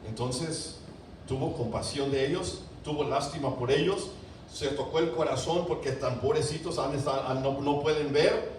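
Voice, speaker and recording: A man preaching a sermon to his congregation, fervent, with loud emphatic peaks, quiet drops and many rhetorical questions. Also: fairly high pitch, normal speed. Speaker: pastor. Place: large church sanctuary. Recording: very echoey church, voice from a distance, faint room hiss.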